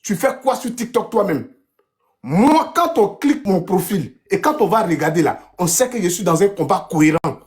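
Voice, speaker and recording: Man, TikTok debater, lecturing and insistent, very animated intonation. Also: sits high, moderate pace. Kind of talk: heated live-stream argument.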